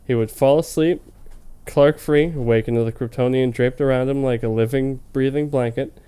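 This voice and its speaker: Smooth and warm, the man's mid-range voice moves at a moderate pace with fairly even intonation. As the fan fiction reader for a comedy web series, he's informal and comic, occasionally tripping over words, prone to asides and quick to laugh.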